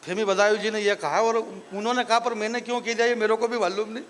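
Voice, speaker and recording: A man's voice: high voice, fairly even intonation, quick pace, a bit bright. A man from Rajasthan, a comic poet joking with a live audience from the stage and then declaiming verse. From Marwar, Rajasthan. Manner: jokey banter with the audience, rising into declaiming verse. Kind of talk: live stand-up poetry recital.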